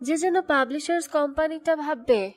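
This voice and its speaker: Woman, film recap narrator, scripted voice-over, steady storytelling, faint music behind. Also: high voice, brisk. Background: soft background music.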